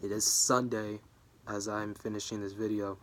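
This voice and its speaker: A man's voice: fairly low pitch, little pitch movement, normal speed. A tired man rambling through his wrestling predictions in a casual home vlog, often sidetracking himself. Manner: rambling, self-interrupting, easily sidetracked. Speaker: wrestling vlogger. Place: room at home.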